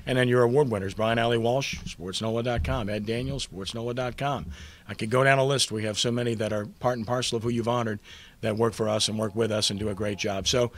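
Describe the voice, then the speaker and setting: A man's voice: mid-range voice, steady tone, fast talker. A man in his fifties from New Orleans gives a humble acceptance speech at a press conference, full of stories and thanks. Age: 50s. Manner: humble, storytelling, warm thanks. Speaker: award recipient, sportswriter.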